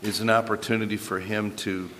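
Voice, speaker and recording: A man preaching as a pastor in an earnest, informal way, his voice thin, squeaky and strained from a sore throat. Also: level tone, a little fast, sharp tone, a little hiss or hum. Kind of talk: sermon. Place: large reverberant church hall. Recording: long hall reverb.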